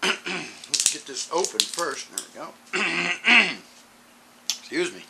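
A man with clogged sinuses casually reviewing a hot sauce on his channel, rambling with ums and clearing his throat often. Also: on the high side, sing-song, takes it slowly, very noisy.

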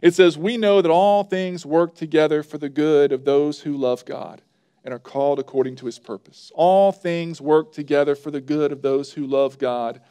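A man's voice: fairly high pitch, normal speed, dark tone, clear, resonant tone. A man preaching a sermon as pastor, earnest and conversational, building emphasis as he makes his points.

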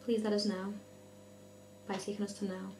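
A woman's voice: little pitch movement, normal speed, a little mellow, roomy sound. A woman in her twenties solemnly calling out questions as she leads a séance for a vlog. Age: 20s. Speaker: leader of a spirit board session. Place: dim indoor room at night. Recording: low hum, faint noise.

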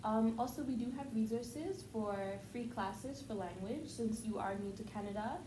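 A woman's voice: fairly high pitch, moderate pace, close to an everyday voice. A young woman playing a polite family counselor who hesitates with many ums, in a student skit. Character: calm, patient family counselor. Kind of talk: student skit role-play. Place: classroom with a table. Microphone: far camera. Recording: echoey room, background noise.

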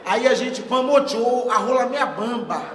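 A young male stand-up comedian from Bahia with a Bahian accent, telling a story on stage, profane and animated, acting out the dialogue. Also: extremely high pitch, moderate pace, heavy background noise. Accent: Bahian Portuguese. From Bahia, Brazil. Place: comedy stage before a live audience. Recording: roomy hall, distant mic, loud crowd.

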